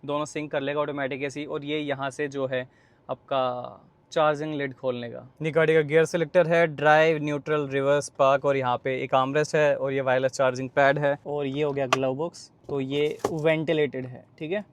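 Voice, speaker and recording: A man giving a chatty car review from inside the car, explaining features quickly to viewers. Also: mid-range voice, flat delivery. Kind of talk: casual walkaround and driving review.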